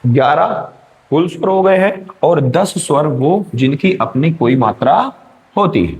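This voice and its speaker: A man's voice: on the high side, lively intonation, unhurried, a little mellow. A male teacher giving an exam-prep grammar lesson, explaining step by step and checking in with his students.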